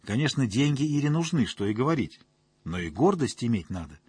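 A man's voice: medium pitch, sing-song, fairly quick, a little mellow, husky, no echo. A man narrating an audiobook in a wry, colloquial storytelling manner.

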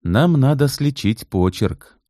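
A male audiobook reader voicing a patient, tactful man who speaks calmly and persuasively. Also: fairly low pitch, moderate pace, dry recording, clean studio sound, voice pushed up. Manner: calm, gently persuasive. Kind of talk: audiobook character voice.

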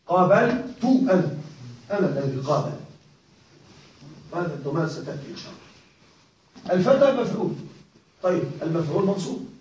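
A fairly high-pitched man teaches grammar to a class, repeating each rule and checking again and again that students follow. He's far from the mic in a very echoey classroom, with a faint hiss underneath.

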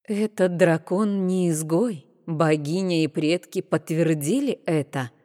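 A woman reading an audiobook, voicing a serene female temple priestess who speaks slowly, calmly and sternly. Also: deep voice, big-room sound. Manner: slow, calm, stern.

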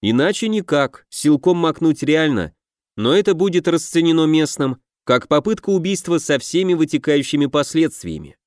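A man narrating a fantasy audiobook in a steady, measured way. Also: a little high, dry recording, clean studio sound.

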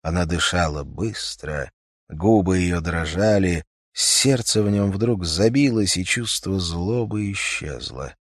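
Мужчина спокойно и размеренно читает вслух литературное повествование. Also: male voice, low voice, slow, dry recording, clean studio sound. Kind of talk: audiobook narration.

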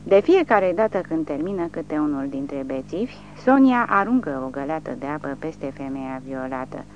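A woman narrating a war novel audiobook with steady, vivid storytelling. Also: deep voice, faint music behind. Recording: lo-fi audiobook recording.

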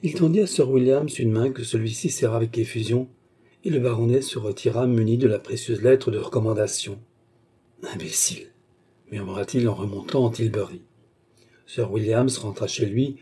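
Dark-voiced male audiobook narrator. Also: medium pitch, husky. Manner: measured, expressive reading. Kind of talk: audiobook narration of a classic novel.

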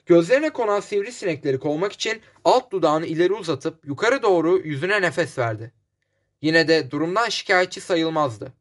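Man narrating an audiobook. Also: fairly high pitch. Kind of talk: scripted narration.

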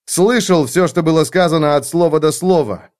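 Audiobook figure: male reader doing a dispassionate overseer, unhurried, detached delivery. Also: on the high side, pitched above the performer's own voice, close to an everyday voice. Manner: flat, unhurried, emotionless. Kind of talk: audiobook character voice.

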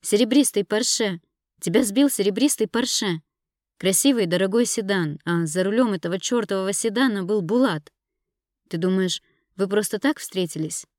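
A woman's voice: medium pitch, moderate pace, a little mellow, no echo, studio quality, natural voice. A woman reading an audiobook, voicing a spiteful, scornful young woman who mocks and accuses her rival. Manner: mocking, accusing. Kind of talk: audiobook character voice.

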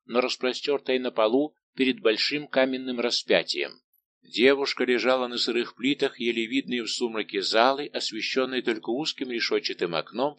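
A man narrating an audiobook in a steady, measured reading. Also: mid-range voice, a little hiss or hum. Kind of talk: scripted narration.

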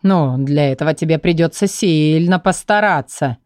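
A woman voicing a calm, strong young werewolf man who speaks in an unruffled, dry, lowered voice. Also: normal speed, dry recording, close to an everyday voice.

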